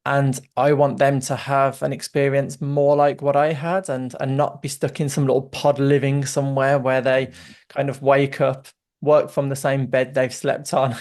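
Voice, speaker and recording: A man's voice: medium pitch, darkish tone. A man in his thirties with a slightly Brummie English accent, telling his story in an earnest, chatty way as a podcast guest. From England. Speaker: guest, software co-founder. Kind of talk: casual interview chat.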